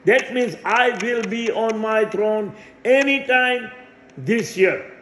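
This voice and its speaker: A man's voice: high voice, slow pace, a bit bright, echoey room, slight background noise, rough recording. A man in his sixties giving a rambling religious monologue as a self-proclaimed messiah, insistent and repeating phrases for emphasis. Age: 60s.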